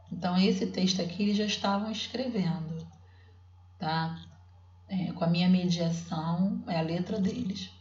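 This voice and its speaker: A woman teacher patiently explaining how she guides young children to write, sounding out syllables slowly. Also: mid-range voice, dark tone, roomy sound, dull audio. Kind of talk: explaining classroom literacy work.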